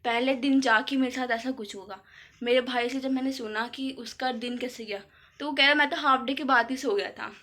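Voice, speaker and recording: Chatty teenage girl, bright voice. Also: sits high, fairly even intonation, brisk. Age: teens. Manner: chatty, filler-heavy storytelling. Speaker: vlogger. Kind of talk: casual vlog chat.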